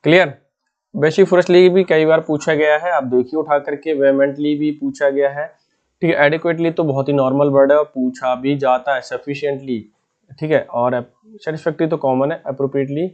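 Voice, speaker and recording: A man's voice: fairly high pitch, steady tone, normal speed, a little mellow, muffled recording. A man teaching exam vocabulary in an easygoing way, patiently explaining each word and checking in with his students again and again. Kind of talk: exam-prep lesson in casual Hindi.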